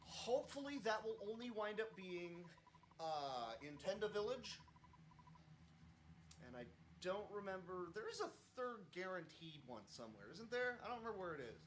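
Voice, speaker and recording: A man's voice: sits high, big pitch swings, moderate pace, a little hiss or hum. A man giving loose, chuckling commentary while playing a game speedrun, rambling and poking fun at himself. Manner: rambling, chuckling, self-deprecating. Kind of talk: casual live game commentary.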